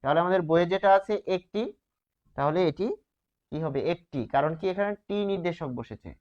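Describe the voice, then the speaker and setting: A man teaches a grammar class, walking through each rule one step at a time. He keeps asking his students questions and then answers them himself. His voice sits a little high, and the recording sounds slightly muffled. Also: a little fast, a little mellow. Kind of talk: grammar lesson at a whiteboard.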